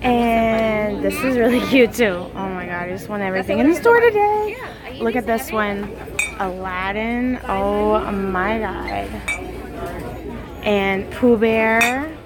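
A woman's voice: mid-range voice, lively intonation, slow, a crowd in the background. A woman narrating a casual shopping vlog, gushing over cute finds as she films on a handheld phone in a large indoor store. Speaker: vlogger. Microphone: handheld phone camera. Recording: crowded store background.

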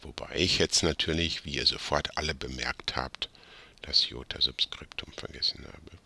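A man's voice: rumbling low, fairly even intonation, moderate pace, vocal fry, bright, forceful tone, slightly rough, in a whisper. A man tutoring in a casual grammar lesson, rambling a bit, correcting himself and joking about his own slips.

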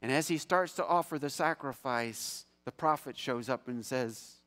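A man preaching a sermon as pastor, animated, swinging from loud emphasis to hushed tones and acting out voices from scripture. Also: medium pitch, moderate pace. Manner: acts out biblical voices mid-sermon.

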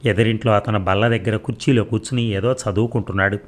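A man reading a story aloud as a narrator, steady and measured. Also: lowish voice.

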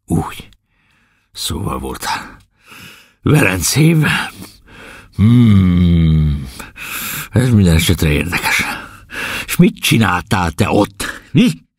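A man voicing a weary, drunk, gruff male legion captain who barks insults and interrogates. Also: sits low, very animated, long pauses, no room sound, clean studio sound, full character voice. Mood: menacing, interrogating.

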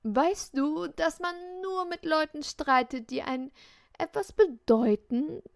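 A woman's voice: high voice, takes it slowly, vocal fry, no room sound, studio quality, voice pushed up, full character voice. Woman playing a smug, cocky teenage boy. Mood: smug teasing. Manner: smug, teasing, self-satisfied. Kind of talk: audiobook reading of a novel.

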